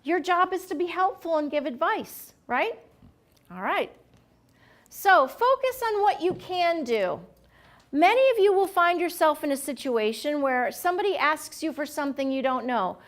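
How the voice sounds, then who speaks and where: Woman, high voice, customer service trainer, animated, acts out customer and clerk lines. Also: normal speed. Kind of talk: staff training talk with role-play examples.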